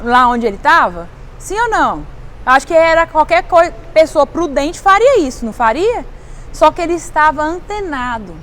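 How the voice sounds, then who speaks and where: A woman's voice: high voice, a bit bright, a little hiss or hum. A middle-aged woman pastor with a Brazilian Portuguese accent, preaching casually and emphatically, asking the listener question after question. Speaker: volunteer pastor.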